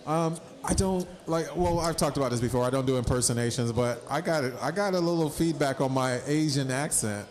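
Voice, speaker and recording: A man's voice: mid-range voice, fairly quick, hardly any pauses, a crowd in the background. A man co-hosting a casual live show, rambling and joking, laughing often. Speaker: podcast co-host. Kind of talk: casual banter on a live stream.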